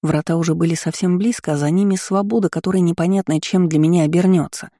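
A woman's voice: lowish voice, steady tone, quick pace, mellow, no room sound, studio quality. A woman narrating a first-person novel as an audiobook, reading steadily and expressively.

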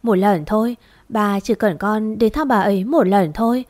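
A woman voicing an aging, gentle father who speaks slowly in a choked, pleading way. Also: mid-range voice, dry recording, clean studio sound, close to an everyday voice. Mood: tearful.

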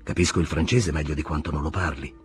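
Guy reading as a stiff earnest young german man, low and husky. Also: fairly even intonation, quick pace, faint music behind, exaggerated voice.

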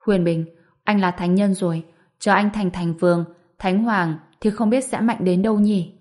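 A woman reading a gentle, curious young woman companion in an audiobook. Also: medium pitch, fairly even intonation, moderate pace, natural voice. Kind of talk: audiobook narration.

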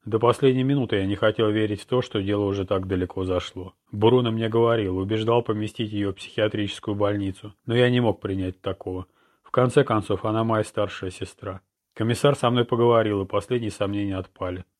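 A man voicing a frail, remorseful old company director in an audiobook, in a calm, everyday tone. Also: on the low side, brisk, close to an everyday voice. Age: older.

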